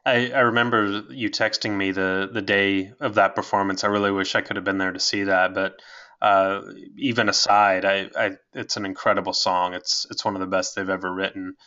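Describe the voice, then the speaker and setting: A man's voice: sits low, little pitch movement, normal speed, sharp tone, smooth, dull audio. A man co-hosting a podcast in a casual music chat, rambling with lots of filler words. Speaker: podcast co-host.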